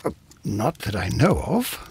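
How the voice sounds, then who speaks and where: An actor playing a loyal, easily bewildered Victorian doctor in a video game, earnest and hesitant. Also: male voice, mid-range voice, huge pitch swings, a little slow, darkish tone, a little hiss or hum. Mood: hesitant, polite. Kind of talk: video game cutscene acting.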